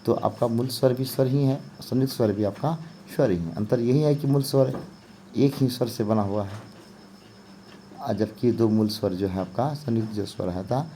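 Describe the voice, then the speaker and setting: A man's voice: mid-range voice, moderate pace, warm tone, slight background noise. A male teacher giving an exam-prep grammar lesson, explaining step by step and often checking in with "okay" and filler phrases. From India. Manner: explanatory, repeats "ठीक है" and "जो है आपका".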